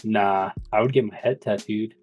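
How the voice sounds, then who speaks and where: A man's voice: lowish voice, steady tone, normal speed, a little mellow, faint music behind. A young man in a casual chat, laid-back and saying "dude" a lot. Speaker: co-host, cousin.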